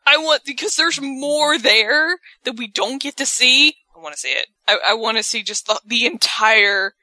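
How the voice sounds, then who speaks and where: A woman on a casual chat show, retelling scenes in a lively way and acting out the quotes with big jumps in pitch. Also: normal speed, no room sound, rough recording. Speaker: podcast co-host recapping a reality show.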